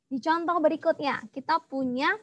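A woman's voice: high voice, normal speed. A young woman, teaching an online language lesson and patiently explaining each sound step by step.

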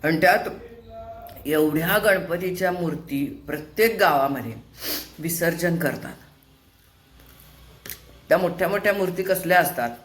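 A woman's voice: lowish voice, moderate pace, long pauses, roomy sound. An older woman, host of a home vlog, chatting casually while cooking, asking rhetorical questions and scolding in a homely way. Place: home kitchen.

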